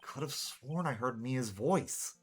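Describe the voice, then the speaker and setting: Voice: mid-range voice, lively intonation, slow, husky, faint music behind. A streamer voicing a cheerful, worried young female spirit medium in a game read-through.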